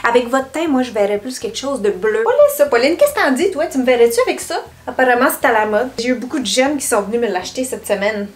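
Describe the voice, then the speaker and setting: A woman's voice: fairly high pitch, fast talker, hardly any pauses, natural voice. A woman voicing a polite 1960s department store saleswoman, speaking formally with an old-fashioned 1960s Quebec broadcast accent with rolled R's. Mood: courteous. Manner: formal, courteous shop talk.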